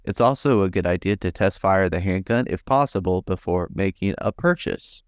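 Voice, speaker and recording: A male show host putting on a robot voice to read out machine-written advice in a stiff, even way. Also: deep voice, normal speed, no room sound, studio quality, close to an everyday voice. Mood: robotic.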